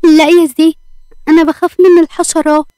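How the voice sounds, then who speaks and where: A woman's voice: extremely high pitch, flat delivery, fast talker, warm tone, no room sound, voice pushed up. Woman voicing a flustered, scolding young Egyptian wife. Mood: indignant. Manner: indignant, scolding.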